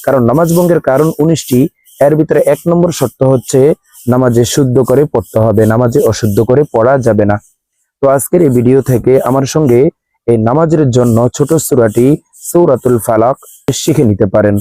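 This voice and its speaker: A man teaching Quran recitation step by step, spelling out letters and vowel marks slowly, then chanting each verse long and drawn out. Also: mid-range voice, mellow, no echo.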